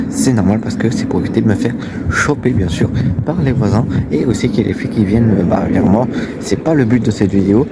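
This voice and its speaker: A young man vlogging casually about an abandoned-building exploration, rambling and repeating filler phrases, recorded outdoors on a phone. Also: on the low side. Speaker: urbex vlogger. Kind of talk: casual vlog talk to camera. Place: outdoors near an abandoned manor. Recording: loud background noise on a phone recording.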